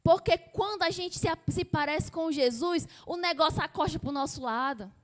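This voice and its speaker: Preaching with emphasis, a woman from Brazil challenges her congregation with rhetorical questions, and when she quotes someone she drops her voice low and slows right down.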